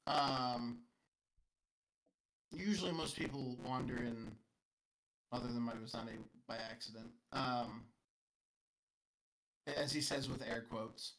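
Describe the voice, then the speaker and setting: A man voicing a calm, courtly old vampire lord, speaking haltingly with many fillers. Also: medium pitch, rough recording.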